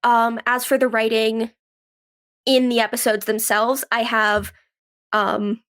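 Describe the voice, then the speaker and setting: A woman with a fairly high, fairly bright voice talks slowly and with little change in pitch. She's a writer and actress appearing as a podcast guest, chatting casually and reflectively in an interview and using anecdotes to explain things.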